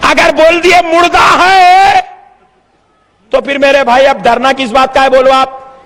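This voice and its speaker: A man delivers an animated sermon. He tells stories and calls out to his listeners, often at a shout. The sound rings with the long reverb of a big hall. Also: extremely high pitch, measured pace, a faint crowd. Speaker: preacher.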